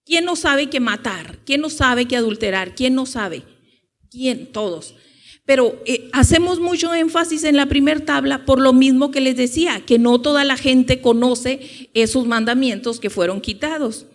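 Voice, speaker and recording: A woman preacher giving an informal Bible teaching. She asks the congregation rhetorical questions and slows down to stress key points. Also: high-pitched.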